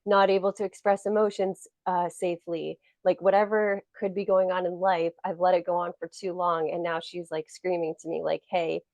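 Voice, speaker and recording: A woman's voice: on the low side, little pitch movement, normal speed, few pauses, a little mellow, no room sound. A woman co-hosting a podcast in casual chat, rambling with lots of "like" fillers. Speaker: podcast co-host.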